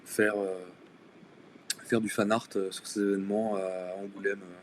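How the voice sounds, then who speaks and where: A young Danish man, speaking French as a non-native, appears as a guest illustrator and tattoo artist on a live stream, chatting casually. His lowish voice has little pitch movement at a normal speed, and he talks hesitantly with many fillers and restarts. There's slight background noise.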